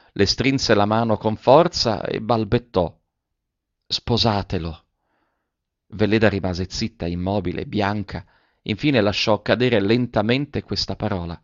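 Low-voiced man reading a classic novel. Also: dry recording. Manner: measured literary reading. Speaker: audiobook narrator. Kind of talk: scripted narration of a classic novel. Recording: dull, dry recording.

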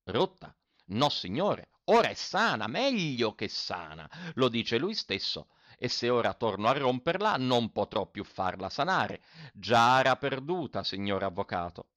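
A man voicing a hot-tempered, stingy landowner who shouts and exclaims indignantly. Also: medium pitch, very animated, measured pace, no echo, highs cut off.

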